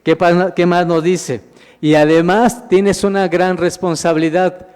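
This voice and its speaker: A high, clean, darkish-toned male voice with little pitch movement and a somewhat slow pace belongs to a minister. During a slide-supported Bible sermon he questions his listeners, calls them "hermanos," and answers himself, echoing in a large hall.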